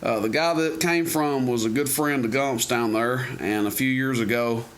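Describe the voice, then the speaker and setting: Noisy amateur camera audio with clicks captures a man selling CB radios, walking through them in a relaxed, meandering, folksy demo. He speaks at medium pitch and a moderate pace.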